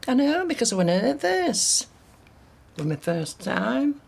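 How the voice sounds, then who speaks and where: An actress playing a blunt, teasing working-class wife in a TV soap. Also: female voice, a little high, sing-song, unhurried, vocal fry, a little mellow, husky, heavily acted. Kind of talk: soap opera acting.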